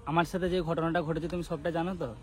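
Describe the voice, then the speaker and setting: In a staged, casual phone call, a man who is a prank vlogger talks seriously and keeps pressing with rhetorical questions. His slightly high voice has little pitch movement and a fast pace, over loud background music.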